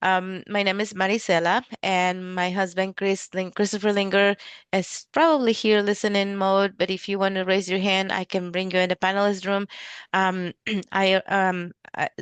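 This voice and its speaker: A middle-aged woman from Mexico hosting a casual webinar, talking in a halting way with many restarts and fillers. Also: mid-range voice, flat delivery, clear, resonant tone, dry recording. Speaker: real estate investor hosting a webinar.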